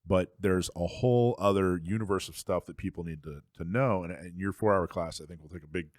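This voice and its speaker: A man's voice: sits low, a little fast, no room sound, clean studio sound. A man hosting a talk radio show, chatting casually and joking with his co-hosts, often restarting his sentences.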